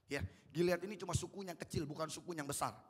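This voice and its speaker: A man's voice: a little high, fast talker, slightly rough. A male pastor giving an interactive sermon in a colloquial way, quizzing the congregation with repeated questions.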